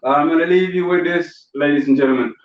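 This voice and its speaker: A man's voice: fairly high pitch, fairly quick. A man performing a stand-up comedy routine over a video call, telling stories with punchy asides to the audience. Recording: roomy, distant, dull lo-fi call audio.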